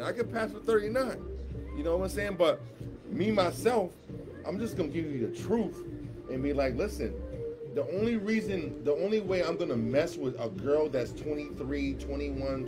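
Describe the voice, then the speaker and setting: A man in his fifties, a guest DJ on a radio talk show, chatting casually, bragging and repeating himself. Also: on the high side. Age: 50s.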